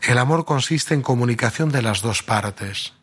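Husky-voiced preacher, conversational. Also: male voice, mid-range voice, normal speed, fairly bright tone. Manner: conversational, fond of fillers, building to emphatic peaks. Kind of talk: sermon with storytelling.

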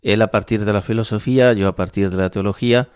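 Man in his sixties, from Spain, priest, very deep smooth voice, thoughtful pauses, dry studio sound. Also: fairly even intonation, a little mellow, dry recording. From Spain, La Mancha. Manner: thoughtful, measured, with frequent hesitations. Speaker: priest and university rector. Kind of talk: radio interview. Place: radio studio. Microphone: studio microphone.

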